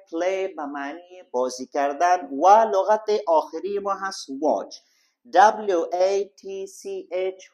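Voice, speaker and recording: A man teaching an online English lesson. He keeps calling his listeners dear friends, spells words letter by letter and slows down on English phrases. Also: high voice, dull audio.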